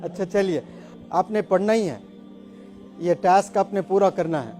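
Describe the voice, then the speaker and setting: Mellow man coaching with encouragement. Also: high voice, unhurried, soft background music. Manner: encouraging, mixes in english prompts. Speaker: teacher. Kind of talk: coaching a student's recitation.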